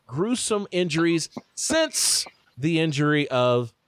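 A man's voice: a little high, takes it slowly, slight background noise. A man hosting a casual sports podcast, leading the chat and telling stories with restarts. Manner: animated, talks through stories with restarts. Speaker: podcast host.

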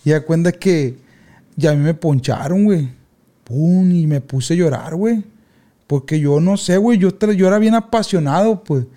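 A young man, telling childhood stories in casual podcast chat with loud outbursts. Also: fairly high pitch, normal speed. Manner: animated slangy storyteller, loud outbursts. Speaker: podcast co-host.

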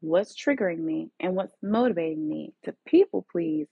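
Husky-voiced woman coaching listeners. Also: on the low side, animated, moderate pace, dry recording, lo-fi sound. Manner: earnest, coaching, asks many questions. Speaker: therapist and podcast host. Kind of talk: solo podcast talk.

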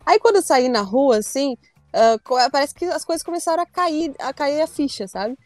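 A young woman recounts a story in casual chat, high-pitched and animated. She acts out her own shouts and quotes. The sound is close and dry, with faint music under it. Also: moderate pace, dry recording. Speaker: storyteller guest.

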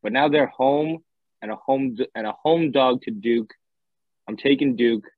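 A man's voice: mid-range voice, measured pace, no room sound, phone-quality sound. A man on a casual college football betting podcast, laid-back and rambling as he explains his picks. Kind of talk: casual sports betting chat.

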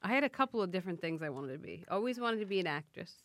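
Bright, animated woman podcast host. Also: fairly low pitch, racing, no room sound. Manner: animated storyteller, swears casually. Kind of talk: casual podcast chat.

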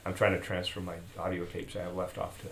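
An older man of about 70, born in Peru and raised in Bolivia, chats casually as a podcast guest, telling stories in a rambling way that trails off and restarts mid-thought. His low voice is creaky and fairly bright in tone, quick-paced and completely flat. The recording sounds roomy, with faint noise.

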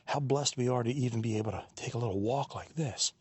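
Husky man on a handheld digital recorder. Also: mid-range voice, fast talker, no room sound. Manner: musing, soft-spoken, thinking aloud. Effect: captured on a handheld digital recorder. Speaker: podcast host. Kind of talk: reflective solo monologue on a walk. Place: outdoors on a quiet wooded trail in a state park. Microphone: handheld digital recorder without windscreen.

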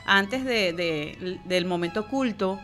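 A woman co-hosting a casual live-stream chat, playful and quick to laugh. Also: medium pitch, music in the background. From Venezuela. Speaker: co-host.

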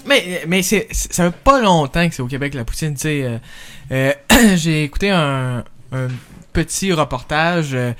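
A Québécois man co-hosting a comedy podcast in a fairly high voice. He rambles and restarts his sentences, tossing in quick asides between thoughts. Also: animated, fairly bright tone. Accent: Québécois French. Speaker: podcast co-host. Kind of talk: casual comedy podcast chat.

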